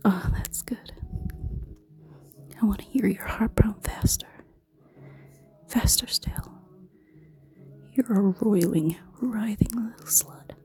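In an erotic audio roleplay, a woman plays a seductive and menacing female succubus. Her medium-pitched voice is a soft, breathy whisper, slow, teasing and commanding.

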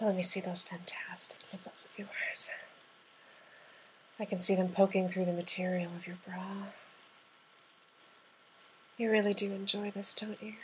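A woman in an intimate audio roleplay addressed to the listener, talking in a soft, half-whispered voice that coaxes and gently commands. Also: mid-range voice, a little hiss or hum, low-quality recording.

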